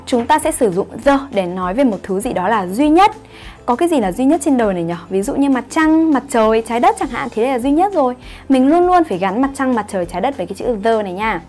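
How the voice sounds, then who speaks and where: Upbeat woman teaching English grammar. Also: a little high. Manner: explains patiently, asks "right?" to check understanding. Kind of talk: online grammar lesson.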